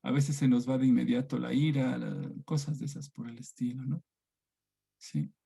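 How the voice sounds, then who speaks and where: A man with an Ecuadorian Spanish accent leads a religion lesson over a video call. His voice is mellow and slightly husky, and his delivery is conversational, checking in with the class as he talks. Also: mid-range voice, normal speed. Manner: conversational, often asks "¿no?" to the class. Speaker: catechism teacher.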